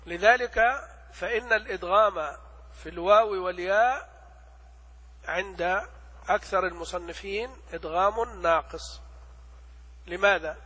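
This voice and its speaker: High bright-voiced man teaching in a hall. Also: breathy edge. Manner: explains by asking and answering his own questions, recites examples slowly. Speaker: religious teacher. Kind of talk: lecture explaining a classical text.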